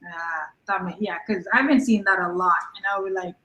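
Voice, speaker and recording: A chatty woman with a Jamaican accent co-hosts a podcast interview. Her tone is bright and forceful, and her sentences often restart mid-thought. The room gives her voice a noticeable echo. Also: medium pitch, normal speed. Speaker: podcast co-host. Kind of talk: casual interview questions.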